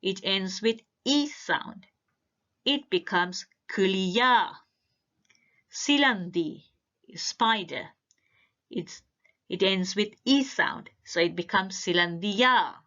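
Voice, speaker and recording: A woman giving a language lesson, explaining grammar step by step with careful, deliberate phrasing. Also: medium pitch, expressive, fairly bright tone, muffled recording. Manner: careful, deliberate word-by-word delivery. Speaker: language teacher. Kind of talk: slow instructional explanation.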